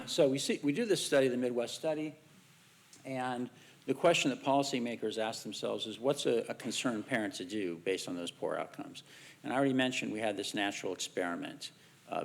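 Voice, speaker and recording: Gravelly middle-aged American man lecturing. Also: medium pitch. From United States. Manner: measured, with dry asides. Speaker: researcher presenting findings. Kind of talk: conference talk.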